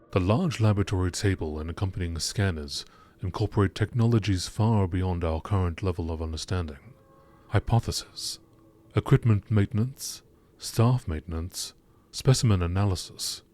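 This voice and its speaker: The narrator's voice is deep and dark, moving at a normal speed as he reads scripted game lore like a wildlife documentary. Clear background noise is present.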